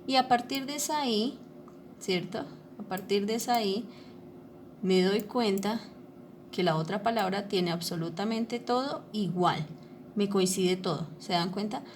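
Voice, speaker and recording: A woman's voice: mid-range voice, a little slow, slight background noise. A woman teacher explaining a lesson over slides, patient and repetitive, checking often that her listeners follow. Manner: patient, repeats ¿listo? and ¿cierto? to check understanding.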